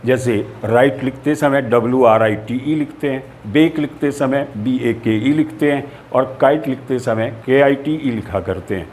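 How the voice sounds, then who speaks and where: A man's voice: mid-range voice, darkish tone, slight background noise. A man teaching a lesson, explaining spellings steadily and spelling words out letter by letter.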